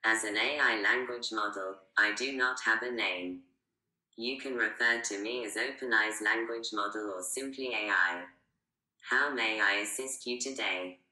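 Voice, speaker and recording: A synthetic woman's voice playing a robotic AI chatbot assistant with a flat, polite, even machine delivery. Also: rumbling low, unhurried, roomy sound, full character voice, low-quality recording. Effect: robotic text-to-speech voice.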